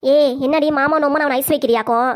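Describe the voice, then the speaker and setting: பெண் பேசும் நக்கலடிக்கும் வயதான மாமியார். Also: female voice, high voice, steady tone, brisk, natural voice. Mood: scolding. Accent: Tirunelveli Tamil. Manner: taunting, scolding. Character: sharp-tongued scheming older mother-in-law. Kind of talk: cartoon comedy voice acting.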